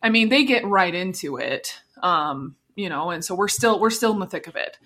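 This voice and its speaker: A woman's voice: lowish voice, lively intonation, normal speed, a bit bright, breathy edge. A woman co-hosting a podcast in casual chat, often laughing and searching for words. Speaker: podcast co-host. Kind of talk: casual chat recapping a TV show.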